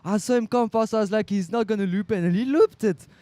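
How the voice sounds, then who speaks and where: A man from France co-commentates casually on a live sports stream from an indoor booth by a beach, his French accent faintly tinged with South African. He talks fast in a high-pitched, mellow voice, with no room sound.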